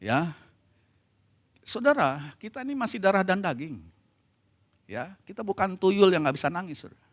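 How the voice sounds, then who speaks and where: Male pastor, middle-aged, high-pitched, conversational sermon in a church, soft-to-emphatic delivery. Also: big pitch swings, moderate pace, pauses often.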